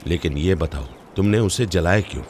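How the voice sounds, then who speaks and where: A man's voice: low-pitched, a little fast, darkish tone, a little hiss or hum, close to an everyday voice. An actor dubbing a wary young male writer in a romantic film, dry and suspicious in his questions. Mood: resigned. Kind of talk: Hindi film dub.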